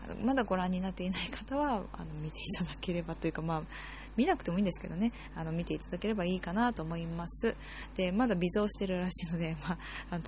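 A woman's voice: fairly low pitch, darkish tone, slight background noise. A woman hosting a casual solo podcast, rambling with many fillers and self-corrections. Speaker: podcast host.

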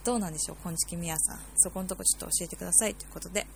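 A woman's voice: lowish voice, racing, noisy background. A woman hosting a casual solo podcast, rambling with many fillers and self-corrections. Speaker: podcast host.

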